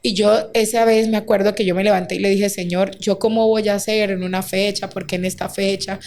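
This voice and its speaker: A woman, a guest recounting a deeply painful personal story, acting out quoted dialogue with many fillers. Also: flat delivery, a little fast, a little mellow, a little hiss or hum. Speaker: interview guest. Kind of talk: emotional personal testimony.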